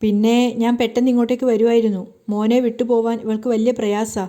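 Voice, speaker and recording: Narrator doing a young husband, worried and impatient, mellow voice. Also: female voice, fairly high pitch, level tone, fast talker, lightly acted.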